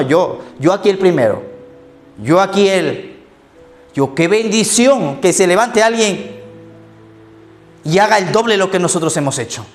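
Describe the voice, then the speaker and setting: Pastor guy preaching, tells funny stories on himself, a bit high voiced, soft music behind. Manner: storytelling with self-mocking anecdotes and laughter. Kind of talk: sermon. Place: church service.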